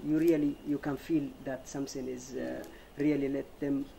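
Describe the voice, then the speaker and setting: A man who is not a native English speaker, talking unscripted as a guest, halting, repeating himself for emphasis. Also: mid-range voice, flat delivery, vocal fry, dark tone, a little hiss or hum. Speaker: interview guest. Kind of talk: unscripted panel talk.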